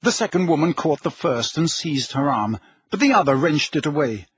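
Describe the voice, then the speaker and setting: A man narrating an audiobook in a measured, dramatic storytelling manner with a husky voice. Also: fairly high pitch, animated, dry recording. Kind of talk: scripted narration. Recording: dull lo-fi recording.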